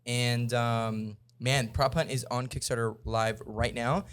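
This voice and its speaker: Excitable man chatting on a podcast. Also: medium pitch, takes it slowly, clear, resonant tone. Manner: excitable, rambling with many fillers. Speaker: podcast co-host. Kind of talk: casual chat.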